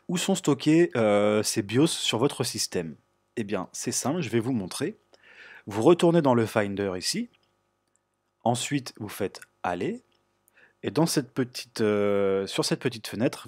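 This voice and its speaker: A man hosting a computer tutorial, explaining step by step in a relaxed way with frequent filler sounds. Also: fairly low pitch, breathy edge, no room sound, clean studio sound. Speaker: tutorial host. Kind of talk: screen-recorded tech tutorial.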